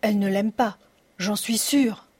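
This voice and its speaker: A woman's voice: medium pitch, measured pace, a little mellow, slightly rough. A woman voicing an impatient, anxious king in an audiobook. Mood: urgent. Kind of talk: audiobook reading.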